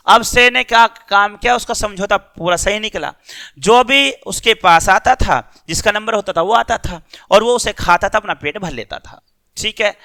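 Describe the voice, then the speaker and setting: A man's voice: high voice, bright, forceful tone, smooth, no room sound. A male teacher explaining a children's story in a lesson, quoting the characters as he goes.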